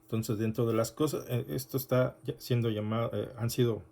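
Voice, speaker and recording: A man's voice: mid-range voice, steady tone, fairly quick, vocal fry, dark tone. A male pastor preaching an unscripted sermon, correcting himself often and adding rhetorical asides.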